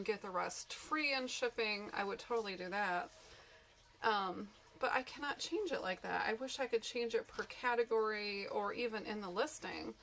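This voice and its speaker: Chatty woman with a bright voice. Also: on the high side. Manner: chatty, rambling, thinking aloud. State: morning voice. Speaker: eBay reseller vlogger. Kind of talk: casual unboxing chat.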